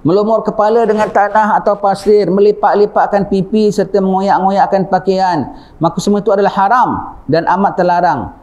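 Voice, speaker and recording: A man's voice: sits high, fairly even intonation, normal speed, darkish tone. Malaysian guy giving a casual sermon, keeps going "ha?" to the crowd, kinda muffled recording. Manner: conversational, often asks the audience 'ha?'. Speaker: religious preacher. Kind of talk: informal sermon.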